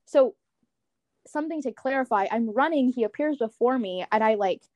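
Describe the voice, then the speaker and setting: A young woman telling friends an animated story in casual chat, swearing and acting out quotes. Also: a little high, moderate pace, no room sound.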